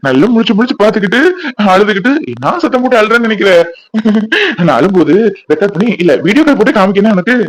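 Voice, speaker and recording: A man's voice: high voice, lively intonation, quick pace, low-quality recording. A man voicing a cheerful new father sharing the news with his family in a cartoon. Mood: beaming. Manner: beaming, cheerful. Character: proud new father, warm older brother.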